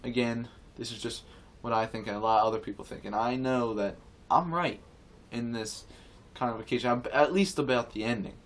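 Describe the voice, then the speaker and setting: A man of middle pitch rants to camera in a casual video. He rambles and circles back on the same phrases, with false starts and fillers throughout. His tone is earnest and indignant. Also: a little fast, hardly any pauses. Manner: rambling, repetitive, with many restarts and fillers. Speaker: vlogger. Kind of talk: casual opinion rant to camera.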